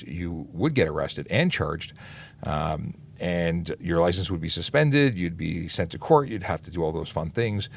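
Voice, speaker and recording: Reading viewer questions aloud and answering them, a police officer runs a casual traffic Q&A livestream in a deep, gravelly male voice. His manner is laid-back, full of "uh" fillers and restarted sentences.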